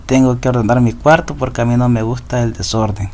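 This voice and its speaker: Gravelly-voiced male Spanish teacher. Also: mid-range voice, fairly even intonation, a little fast, darkish tone, slight background noise. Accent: Central American Spanish. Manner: patient, repeats rules and asks ¿verdad?. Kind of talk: recorded lesson explaining slides.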